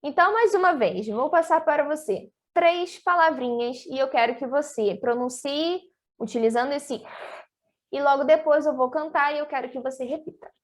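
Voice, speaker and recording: A woman teaching an online language lesson, speaking slowly and carefully and drawing out syllables for students to repeat. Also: high-pitched. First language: Portuguese. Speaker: Spanish teacher.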